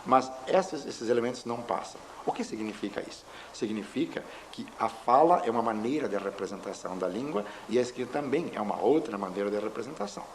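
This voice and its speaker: A man giving a measured lecture, explaining with examples. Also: medium pitch, expressive, poor audio. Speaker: linguistics lecturer. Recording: faint background noise.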